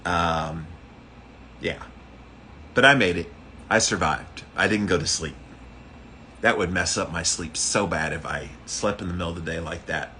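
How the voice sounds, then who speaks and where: A man hosts an informal livestream in a fairly low but bright, forceful voice. He talks casually and directly to viewers, explaining as he goes. There is faint noise behind him. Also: a little slow, pauses often. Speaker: livestream host doing a daily ice bath challenge.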